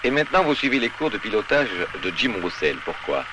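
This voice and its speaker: A man's voice: mid-range voice, big pitch swings, fairly quick. A man interviewing people as a reporter, asking probing questions on a 1960s report. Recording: old 1960s film sound, noisy.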